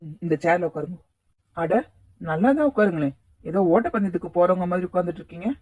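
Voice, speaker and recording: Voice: mid-range voice, fast talker, a little mellow, a little hiss or hum, close to an everyday voice, low-quality recording. A voice actor playing a friendly, teasing young man in a cartoon, speaking in a coaxing, easygoing way. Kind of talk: cartoon voice acting.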